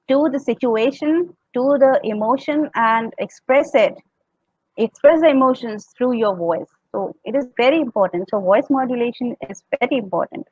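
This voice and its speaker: Speaking in a husky voice on the high side, a woman with an Indian accent walks through public speaking step by step, demonstrating tones and laughing often. The audio is narrow and tinny, with no room sound.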